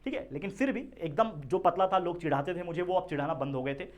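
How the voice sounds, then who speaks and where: Fast-talking young man tutor giving advice. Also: high voice, expressive. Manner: earnest, addresses students directly with frequent checks like "theek hai na". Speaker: online tutor. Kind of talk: direct-to-camera advice talk.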